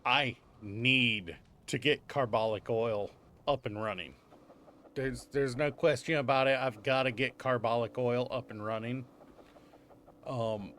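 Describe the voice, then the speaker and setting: A man's voice: medium pitch, fairly bright tone. A man chatting casually on a gaming stream, thinking aloud and repeating his phrases.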